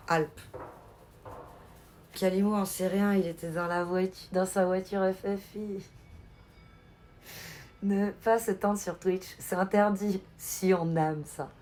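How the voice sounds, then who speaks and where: A woman's voice: on the low side, darkish tone, slight background noise. A woman streamer chatting casually on a live stream, answering her chat and laughing often.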